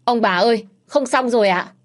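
A woman's voice: mid-range voice, animated, normal speed, a little mellow, close to an everyday voice. A woman voicing a panicked young male servant who stammers out bad news. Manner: stammering, frantic.

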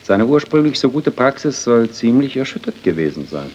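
An actor playing a calm male investigator who asks measured, probing questions, in 1930s radio-drama acting. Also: medium pitch, lightly acted. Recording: dull, hissy 1930s radio recording.

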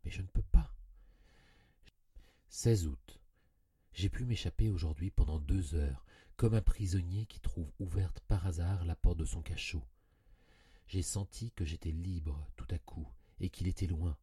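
A man with a low, very dark and mellow voice reads a story aloud with intense, anguished drama. His tone is husky, and the close mic keeps the sound dry and near. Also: a little slow, dry recording. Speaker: audiobook reader. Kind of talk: dramatic literary reading.

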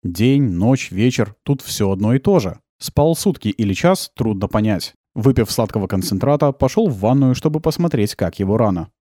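Mellow guy reading a sci-fi audiobook, lively pitch, dry close mic. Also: moderate pace, few pauses, no echo. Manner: calm, even storytelling, brightening for dialogue. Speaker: narrator. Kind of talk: audiobook narration.

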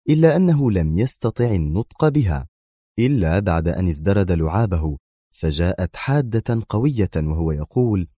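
A man narrating a story in expressive, scripted narration. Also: low voice, no room sound, clean studio sound. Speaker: audiobook narrator.

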